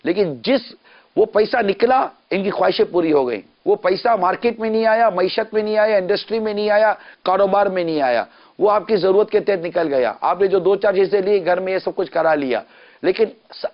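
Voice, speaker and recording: A man's voice: sits high, animated. A man delivers a televised sermon. He speaks emphatically, stacking lists and asking question after question. The broadcast recording sounds slightly dull and lo-fi. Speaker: Islamic preacher.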